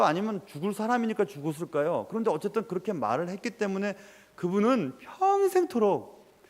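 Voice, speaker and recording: Animated pastor in an echoing hall. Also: male voice, a little high. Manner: animated storytelling, dropping to a whisper at times. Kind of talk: sermon.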